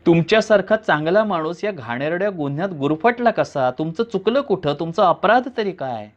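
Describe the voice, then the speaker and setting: Brief: male reader with a somewhat high voice, narrating a thriller with suspense, dull recording. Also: expressive, normal speed. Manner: suspenseful second-person narration. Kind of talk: dramatic story reading.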